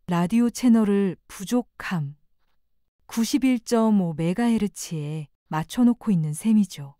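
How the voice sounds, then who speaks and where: A woman reading a scripted self-help narration in a calm, reflective, gently persuasive way. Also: mid-range voice, dry recording, studio quality.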